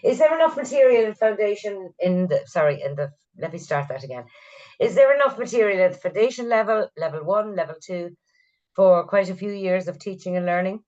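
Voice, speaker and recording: A woman's voice: mid-range voice, expressive, fairly quick, a little mellow, muffled recording. A woman interviewer who asks questions, corrects herself mid-question and adds short affirmations. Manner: brief affirmations, self-correcting.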